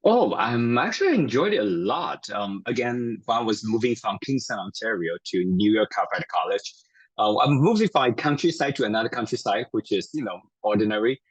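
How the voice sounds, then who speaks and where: A man from Taiwan, a native Chinese speaker, chats in a friendly, halting way with plenty of fillers. His voice sits fairly low and has a husky edge. The room sounds dry and close. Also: lively intonation, no room sound, low-quality recording. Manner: friendly, hesitant, with many fillers. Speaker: guest chiropractor. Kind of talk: casual interview chat.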